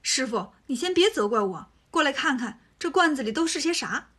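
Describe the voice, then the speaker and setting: A woman's voice: high voice, expressive, fairly quick, a bit bright. A woman voicing a cocky, clever male monkey hero who teases his master. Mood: cheeky.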